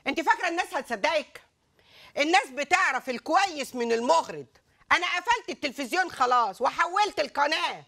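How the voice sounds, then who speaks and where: A woman's voice: high voice, expressive, quick pace, vocal fry, a bit bright, exaggerated voice. An actress with an Egyptian accent playing a self-important, indignant middle-aged woman prison warden and mother in a TV comedy series. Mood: mocking. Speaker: police brigadier, prison warden. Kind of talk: TV comedy drama acting.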